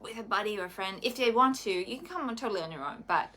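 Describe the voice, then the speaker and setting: A woman's voice: mid-range voice, expressive, quick pace, pushed and bright. A woman co-hosting a live stream as a coach, talking in a bubbly, enthusiastic way. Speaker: coach and co-host. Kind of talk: motivational live-stream talk.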